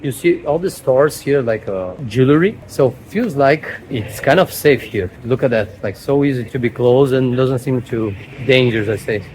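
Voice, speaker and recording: A man's voice: mid-range voice, lively intonation, normal speed, few pauses, darkish tone, slight background noise, rough recording. Enthusiastic man vlogging casually. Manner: enthusiastic, repeats "super", playful. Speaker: travel vlogger. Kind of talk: casual travel vlog chat. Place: outdoors in city streets and a gym.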